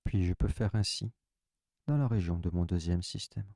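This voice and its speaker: A man with a low, deep voice leads a guided relaxation session. He speaks in calm, soft, unhurried phrases, close and dry with no room sound. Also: vocal fry, no room sound. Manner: calm, soft, unhurried first-person instructions.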